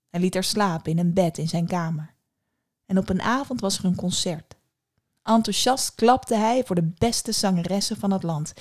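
Woman storyteller, measured fairy-tale reading, calm and even. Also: medium pitch.

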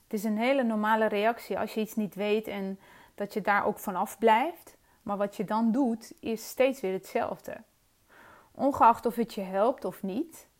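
Solo podcast host, middle-aged woman, earnest and reflective, mid-pitched, hesitant in places. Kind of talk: personal solo podcast talk.

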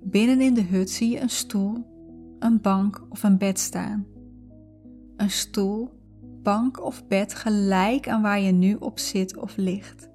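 Woman doing a guided meditation, slow n soothing, soft music behind her. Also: mid-range voice. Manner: calm, soothing, unhurried delivery with pauses. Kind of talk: guided visualization, scripted narration. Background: background music.

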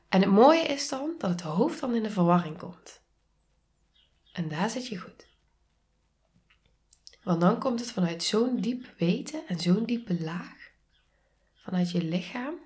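A woman with a Dutch accent hosting a reflective solo podcast, speaking calmly and softly and often dropping into a whisper. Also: medium pitch. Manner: slow, calm, soft-spoken, drops to whispers. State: sneezing. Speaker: podcast host and coach.

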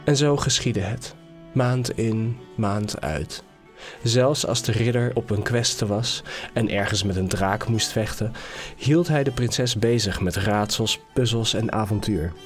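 Casting: man, scripted fairy-tale narration, very slow, faint music underneath. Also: on the low side. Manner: unhurried storyteller, measured pauses. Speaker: podcast narrator. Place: podcast studio.

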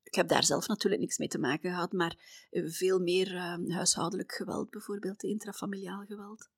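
A middle-aged Flemish woman from Belgium hosting a podcast, telling personal travel stories in a chatty way, often dropping to a soft near-whisper. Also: lowish voice, fairly even intonation, brisk, creaky, slightly rough, no room sound, clean studio sound. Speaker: podcast host.

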